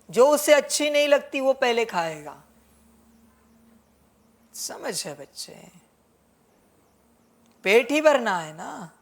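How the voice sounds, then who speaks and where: Slow, gently admonishing woman preacher. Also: mid-range voice. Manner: gently admonishing, repeats the same points; mixes English words into Hindi. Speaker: spiritual teacher. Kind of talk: spiritual sermon addressing listeners as children.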